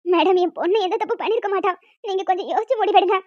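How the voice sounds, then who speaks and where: A woman's voice: extremely high pitch, very fast, darkish tone, no room sound. A performer voicing a desperate, poor mother who cleans at a school, in a cartoon. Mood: pleading. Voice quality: pleading, then scolding shrilly. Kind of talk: cartoon voice acting. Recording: dull lo-fi dry recording.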